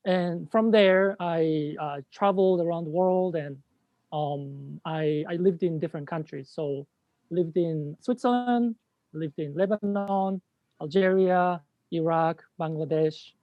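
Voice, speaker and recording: A man's voice: sits high, no room sound. A man from Japan in his thirties, a social entrepreneur telling his personal story as an interview guest. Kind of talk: interview answer. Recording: dull lo-fi audio.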